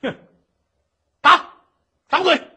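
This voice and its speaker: Man playing a harsh imperial judge, husky voice, high pitch, scornful, barking. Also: huge pitch swings, slow pace, a bit bright, exaggerated voice. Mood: furious. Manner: scornful, blustering, barks orders. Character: stern, bullying male high court judge.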